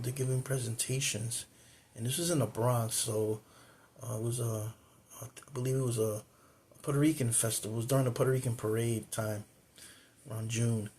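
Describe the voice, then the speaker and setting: A man's voice: medium pitch, darkish tone. A man hosting his own cultural video channel, telling a personal story in a casual, rambling way, with many repeats and restarts, recorded indoors facing the camera.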